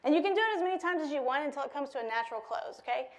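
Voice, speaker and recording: Woman, workshop speaker, fairly high voice, playful, laughs a lot, live audience room. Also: very fast. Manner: lively, playful, laughs often. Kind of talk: interactive workshop talk.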